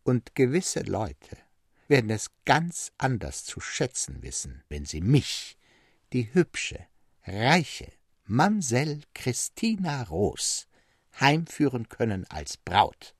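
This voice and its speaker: A man's voice: mid-range voice, big pitch swings, slow, breathy edge, no room sound, clean studio sound, voice pushed up, full character voice. A man voicing a proud rich young woman who speaks coolly in a slightly raised voice. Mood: haughty.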